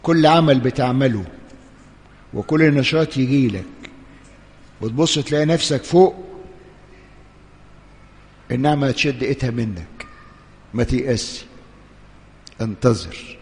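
A man with an Egyptian Arabic accent preaching a sermon as a priest, swinging between hushed urging and loud, impassioned pleading. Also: mid-range voice, normal speed, pauses often, in a large hall.

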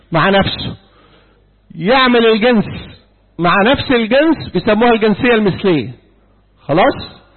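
High-voiced Egyptian man in his sixties. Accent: Egyptian Arabic. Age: 60s. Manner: quizzing, repeats key points, prompts the audience to answer. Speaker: church youth speaker. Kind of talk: church lecture to young people. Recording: tinny phone-like audio in a reverberant hall.

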